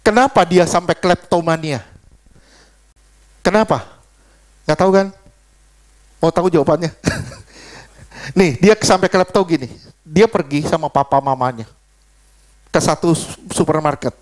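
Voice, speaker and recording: A middle-aged male preacher with a high-pitched voice delivers a lively, informal sermon. He swings between telling stories and throwing questions straight at the people in front of him. His tone stays conversational, even while he preaches. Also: unhurried, pauses often. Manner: animated, fires rhetorical questions at the congregation; switches between preaching and storytelling.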